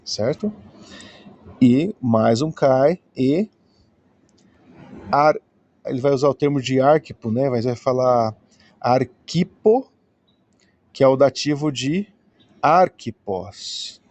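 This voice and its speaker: A man's voice: mid-range voice, darkish tone, dry recording. A Brazilian man giving a patient, explanatory lesson, often checking in with his listeners. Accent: Brazilian Portuguese. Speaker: Greek teacher.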